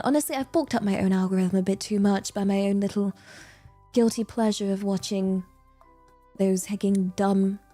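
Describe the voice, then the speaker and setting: A woman's voice: mid-range voice, dark tone, lightly acted. A woman streamer putting on a British received pronunciation voice like a prim newsreader, chatting in a rambling, well-spoken way. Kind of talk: livestream chat in a put-on accent.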